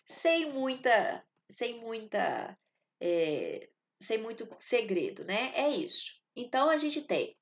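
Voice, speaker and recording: Teaching literature with a Brazilian Portuguese accent, this woman speaks slowly in a fairly high voice with big pitch swings. She walks through the material step by step, frequently pausing to check that the class is following with short tag questions. The recording's highs are cut off.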